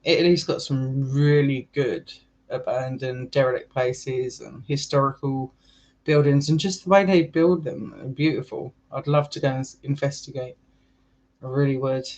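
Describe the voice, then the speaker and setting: A man's voice: mid-range voice, fairly even intonation, moderate pace, a little mellow, muffled recording. A young English man with an English accent, a vlogger chatting casually with viewers in a rambling way and laughing often. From England. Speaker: urban exploring vlogger. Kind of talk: casual live chat with viewers.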